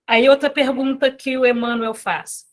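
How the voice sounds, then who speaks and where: A woman's voice: high voice, steady tone, moderate pace. A woman giving an informal spiritual talk to a study group, telling stories in a chatty way with asides to her listeners. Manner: chatty, storytelling with filler tags and asides to listeners. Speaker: lay speaker at a spiritist center.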